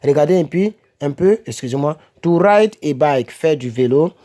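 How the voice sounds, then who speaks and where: A fairly high-pitched yet dark-toned male voice, expressive and at normal speed. The speaker, an English teacher for French speakers, gives a casual home-made vocabulary lesson where he repeats words, corrects himself as he goes, and checks in with "ok?" and "n'est-ce pas?".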